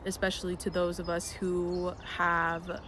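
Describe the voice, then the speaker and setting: A young adult US vlogger reflects earnestly in a personal vlog, with plenty of ums and some casual swearing. The mid-range voice is monotone, a bit slow and sharp in tone, recorded against noisy birds and passing vehicles.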